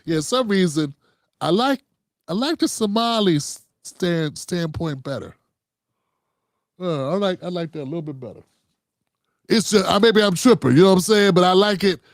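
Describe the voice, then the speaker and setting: A man's voice: high voice, moderate pace, pauses often, no echo, clean studio sound. Loose, profane man hosting a commentary show. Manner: loose, profane, rambling, calls viewers "fam". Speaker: host. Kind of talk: casual political commentary monologue.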